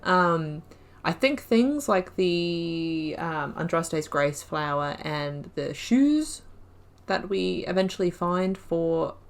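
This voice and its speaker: Speaking slowly with lively intonation, a woman with a lowish voice narrates a casual let's play for her YouTube gaming channel. She deliberates over dialogue options aloud, leaning heavily on fillers.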